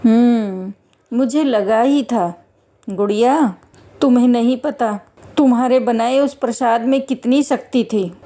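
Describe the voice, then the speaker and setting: A woman's voice: fairly high pitch, a little slow, mellow, natural voice. A woman voicing a middle-aged male security guard in a spoken story, bantering and fatherly in manner. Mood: remorseful. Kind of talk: storytelling voice acting.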